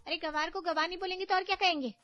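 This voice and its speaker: A woman's voice: very high-pitched, steady tone, racing. A woman playing a sarcastic young unmarried sister-in-law who mocks her brother's wife. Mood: taunting. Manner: sarcastic, mocking. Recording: dry, muffled, faint background music.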